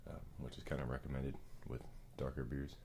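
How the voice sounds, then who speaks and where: A man speaking in a hushed, gravelly ASMR style, chatting casually in a laid-back, halting, slangy way. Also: very deep voice, flat delivery, slight background noise. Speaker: ASMR video creator and host. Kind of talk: soft-spoken ASMR, casual rambling chat.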